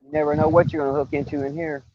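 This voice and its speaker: A man's voice: on the high side, flat delivery, rapid-fire, muffled recording. An older man, chatting casually on a live fishing stream from a riverbank and telling stories with stumbles and restarts. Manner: rambling, folksy storytelling with stumbles and restarts. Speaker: fishing livestreamer. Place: outdoors on a riverbank.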